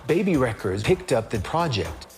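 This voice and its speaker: A man in his sixties from Switzerland, a singer telling stories about his career in a relaxed interview. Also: mid-range voice, moderate pace, music in the background. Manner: anecdotal, acts out other people's lines.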